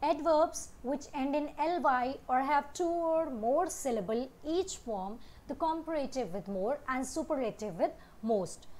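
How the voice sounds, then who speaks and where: A woman's voice: sits high, lively intonation, drawn-out words, few pauses, a little mellow. A woman teaching English grammar with an Indian English accent, explaining rules and reading word lists aloud. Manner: mixes English and Hindi explanations.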